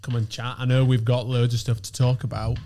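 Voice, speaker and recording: Warm in tone and brisk, with a mid-range voice that barely moves in pitch, this agency founder in his thirties chats as a guest on a casual podcast. He rambles, restarts often, and says "like" a lot.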